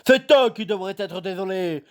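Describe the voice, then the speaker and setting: A woman voicing a huge, hot-tempered male giant who booms out indignant outbursts. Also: normal speed, close to an everyday voice.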